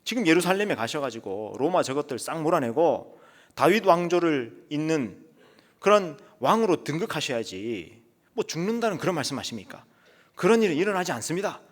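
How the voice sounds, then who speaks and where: A man voicing an impetuous, boastful male disciple, pleading loudly and insistently, in a reverberant church. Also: fairly low pitch, steady tone, quick pace, vocal fry, few pauses. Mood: protesting. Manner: loud, raised, insistent pleading.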